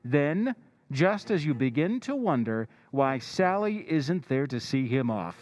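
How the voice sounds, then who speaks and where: An actor playing the Whistler, a knowing radio-drama narrator who speaks straight to the listener's character in a slow, insinuating way. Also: male voice, a little high, big pitch swings, a little mellow. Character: male Whistler narrator, ominous, knowing, taunting.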